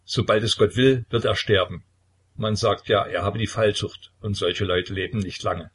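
A man voicing a pious older aunt of the royal family who urges and consoles with earnest firmness, in a husky voice. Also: on the low side, fairly even intonation, moderate pace. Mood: consoling.

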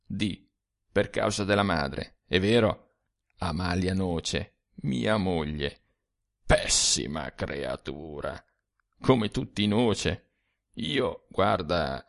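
A man voicing a sad, secretive dead old man who speaks low and confidingly. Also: animated, very slow, gravelly, full character voice. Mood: hushed.

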